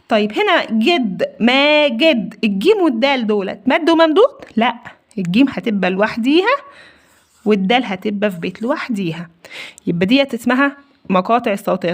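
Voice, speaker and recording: A woman teacher with an Egyptian accent giving a reading lesson to young children. She asks questions and answers them herself, and she stretches words out slowly to sound out each syllable. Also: on the high side, lively intonation. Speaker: primary school teacher.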